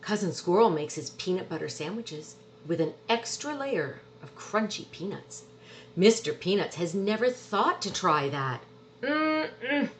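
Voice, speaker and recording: This woman's mid-range voice brings a children's picture book to life in an expressive read-aloud, with drawn-out words for emphasis and an animated manner. A slight hiss or hum runs in the background.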